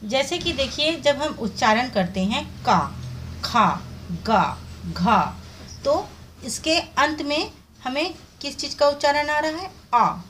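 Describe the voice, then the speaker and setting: A woman teaching with a fairly high voice, who poses a question to her class and then answers it herself. She explains slowly and step by step, like a revision lesson. Faint noise sits under the recording. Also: a bit bright. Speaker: Hindi teacher.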